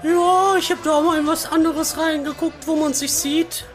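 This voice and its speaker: A man's voice: steady tone, normal speed, soft background music. A man voicing a cheeky female Christmas market vendor with a put-on foreign accent, in improvised comedy role-play. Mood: teasing. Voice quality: high, sweet put-on woman's voice. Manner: sugary and teasing, blunt remarks. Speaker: podcast co-host.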